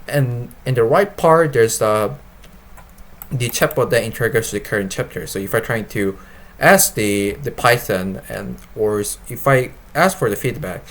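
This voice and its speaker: A man speaking non-native English, informally explaining and demonstrating his software in a halting way, often repeating and rephrasing himself. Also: lowish voice. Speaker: developer presenting his web app. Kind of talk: informal product demo and explanation.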